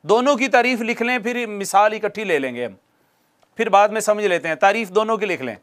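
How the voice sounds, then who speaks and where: Slowly repeating definitions so students can take dictation, this male recitation teacher asks questions and then supplies the answers. His voice sits high with a fairly bright tone.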